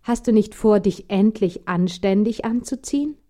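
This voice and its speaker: Eine Frau, die eine strenge, nörgelnde Mutter spricht, schrill und vorwurfsvoll. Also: female voice, a little slow, dark tone. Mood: scolding. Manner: shrill, nagging, scolding. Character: strict nagging mother, sharp and disapproving.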